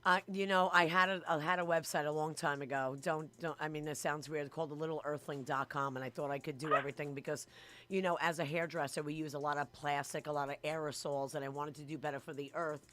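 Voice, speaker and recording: A woman hosting a live talk show, effusive and chatty, full of shout-outs. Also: low voice, steady tone, quick pace. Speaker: radio show host.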